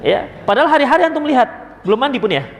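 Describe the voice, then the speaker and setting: A man's voice: extremely high pitch, sing-song, racing, noisy background. A man preaching a religious study session, telling stories and acting out family members in quoted voices. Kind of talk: sermon. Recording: echoey hall.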